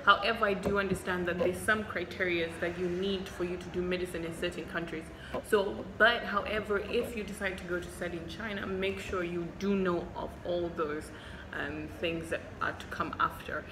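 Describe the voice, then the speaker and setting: At a moderate pace, a young woman doctor from Zimbabwe who speaks Shona chats candidly through a casual Q&A vlog, her low voice peppered with ums. She's indoors at a hospital, in an echoey room with steady background noise.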